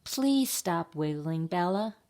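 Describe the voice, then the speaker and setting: A woman's voice: fairly low pitch, slow. A woman doing a weary, patient storybook mom. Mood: gently scolding. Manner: calm, gently scolding. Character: patient, weary mother of a toddler.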